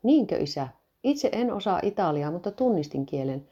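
A woman's voice: fairly low pitch, very animated, warm tone, breathy edge. A woman reading the lines of an earnest, devout young male pastor speaking to his father. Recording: dull lo-fi recording.

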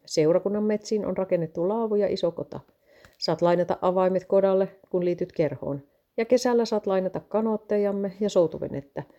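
A woman's voice: medium pitch, warm tone, muffled recording, close to an everyday voice. A woman reading the lines of a cheerful male vicar in a read-aloud story, eagerly listing what his parish offers. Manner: eager, salesy, enthusiastic listing.

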